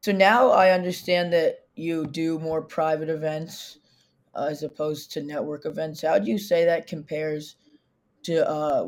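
A man with a slightly high voice hosts the interview. He asks his questions politely and a little haltingly, filling gaps with "uh". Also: flat delivery. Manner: polite, hesitant, fills with "uh". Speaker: podcast host.

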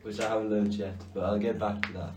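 A teenage boy from Wales, co-hosting a casual podcast and explaining things in a steady, matter-of-fact way. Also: lowish voice, quick pace, lo-fi sound, a little hiss or hum. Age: teens. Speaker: podcast co-host. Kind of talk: casual chat. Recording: echoey room, distant mic.

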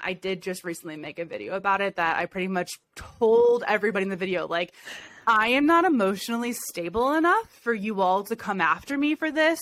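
A woman's voice: fairly high pitch, a bit bright. A young woman from Ohio co-hosting a casual podcast chat, chatty and self-deprecating, laughing often. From Ohio, USA. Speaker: podcast co-host and business owner.

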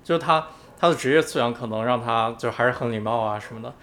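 A man co-hosting a podcast in casual chat, explaining calmly and patiently, often repeating words. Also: medium pitch, fast. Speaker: podcast co-host.

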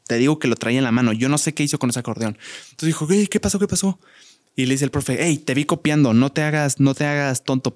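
A man's voice: medium pitch, a little mellow, dry recording, clean studio sound. A young Mexican man co-hosting a podcast, telling a story in casual slang and acting out the voices in it. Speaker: podcast co-host. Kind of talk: casual chat.

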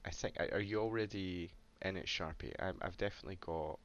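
A man's voice: low voice, fairly quick, muffled recording. A man hosting a casual crypto Q&A, rambling with many stammered restarts and a slight cough. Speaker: crypto AMA host. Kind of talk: casual live Q&A chat.

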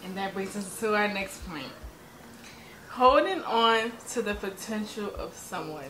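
Mid-20s woman, easygoing storyteller, mid pitch, echoey room. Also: measured pace, bright, forceful tone, slight background noise. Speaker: podcast co-host. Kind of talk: casual chat. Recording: roomy echo.

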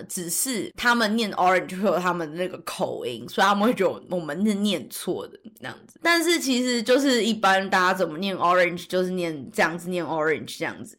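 A woman, a podcast co-host chatting casually, often laughing and sounding out place names. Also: mid-range voice. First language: Mandarin.

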